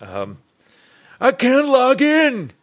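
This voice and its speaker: A man voicing a confused old man who can't manage social media and his passwords, with slow, fumbling, creaky speech. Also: very high voice, wildly swooping pitch, pitched above the performer's own voice, full character voice. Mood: bewildered.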